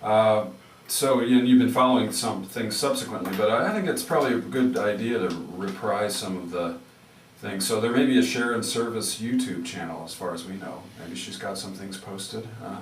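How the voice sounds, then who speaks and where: Male public radio host, low register, halting and wry, recorded in an echoey room with noise behind. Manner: halting, wry, thinking aloud with trailing asides. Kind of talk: conversational public radio interview. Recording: roomy, distant mic with background noise.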